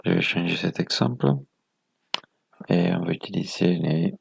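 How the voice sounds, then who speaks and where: A man's voice: low voice, normal speed, creaky, husky, no room sound. A man presenting a video lesson, explaining step by step in a methodical way, counting items aloud and correcting himself as he goes.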